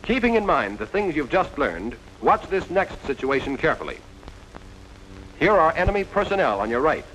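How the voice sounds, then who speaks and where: A very animated American man, his voice on the high side and a bit bright, narrates at normal speed through a rough recording with slight background noise. The material is a scripted 1940s army instructional film on a vintage soundtrack, and he directly instructs the listener, calling the trainee "you."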